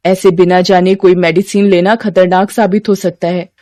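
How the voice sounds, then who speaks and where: A woman's voice: lowish voice, level tone, normal speed, mellow, no room sound, studio quality, natural voice. A woman voicing a stern but caring schoolteacher in a cartoon, speaking in a firm, lecturing manner. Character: adult female teacher, stern and caring.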